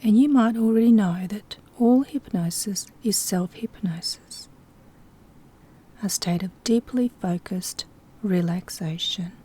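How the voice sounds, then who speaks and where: Taking it slowly, a soft-spoken hypnosis guide with a mid-range, breathy, whispery voice walks the listener through sleep hypnosis. Her instructions are gentle and soothing.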